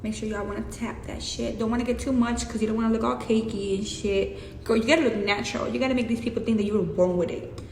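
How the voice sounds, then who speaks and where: Talking fast in a slightly high, darkish voice with fairly even intonation, a young woman with a Mexican accent does a laid-back, cursing makeup tutorial sprinkled with chatty comments. She is a beauty vlogger recording in an echoey room with hiss.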